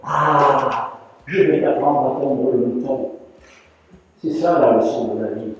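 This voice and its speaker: A man's voice: mid-range voice, slow, a little hiss or hum. An older man, a rug weaver, telling stories to an audience and animatedly acting out the voices of people in them. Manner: animated, acts out quoted voices. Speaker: rug weaver giving a talk. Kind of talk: storytelling talk to an audience. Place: large hall. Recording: dull, echoey hall recording from far off.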